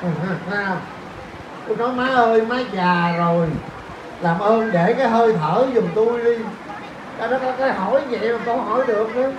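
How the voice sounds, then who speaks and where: A man's voice: high voice, normal speed, recorded from a distance, noisy background, natural voice. A man playing a slurring drunk son. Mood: sneering. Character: grumbling drunk grown son, scornful of his mother. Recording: roomy, muffled stage recording with loud crowd and music.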